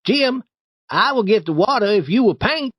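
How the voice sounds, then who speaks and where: A crafty young boy talks up his chore with coaxing, boastful charm, as a male storyteller puts him on. The voice sits far higher than the reader's own and swings lively up and down. The recording is dry and slightly dull. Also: normal speed, slightly rough, no echo, heavily acted. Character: clever young boy painting a fence.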